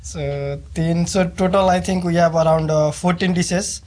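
A man's voice: fairly high pitch, steady tone, measured pace, a little mellow. A man from Nepal, a sous chef, explaining things hesitantly with many fillers in a casual interview.

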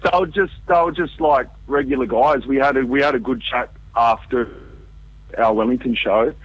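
A man, a musician giving a casual, halting interview over a muffled phone call. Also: mid-range voice, slightly rough, no echo. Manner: informal, halting. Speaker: punk band musician being interviewed. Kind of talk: casual chat. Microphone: phone call to radio show. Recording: dull, band-limited phone call.

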